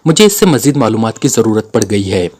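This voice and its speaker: A man's voice: lowish voice, sing-song, a little fast, darkish tone. A man voicing a cold, commanding secret agent in a spy story read aloud. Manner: cold, serious delivery.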